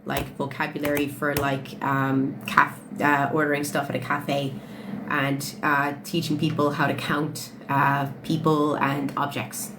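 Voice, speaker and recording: A late-twenties woman with an Irish accent speaks in a deep voice, completely flat, at a measured pace. She's chatting with livestream viewers from her phone, answering their questions bluntly and swearing freely over audible background noise.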